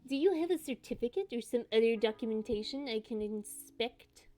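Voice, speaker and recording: A woman's voice: on the high side, expressive, a little fast, mellow, close to an everyday voice. A woman voicing a condescending, bitter male antiques appraiser with a smug, patronizing manner.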